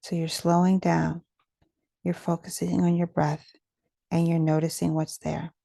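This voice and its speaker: A woman guides a meditation gently and soothingly at a measured pace, leaving pauses between phrases. Her voice sits on the low side with a level tone and some vocal fry, in a dry recording.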